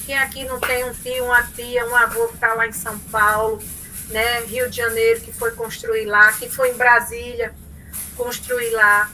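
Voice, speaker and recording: A university lecturer with a Paraíba accent from Northeastern Brazil teaches an online class, telling stories animatedly and often ending sentences with "né?". Her voice is a little high, her pace normal, and the recording is rough.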